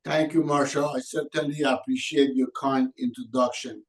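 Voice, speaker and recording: A man's voice: medium pitch, steady tone, normal speed, recorded from a distance, low-quality recording. A man in his sixties from Iran with a Persian accent, giving a webinar lecture in an earnest, personal way, with hesitant fillers and non-native grammar. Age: 60s. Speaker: guest presenter.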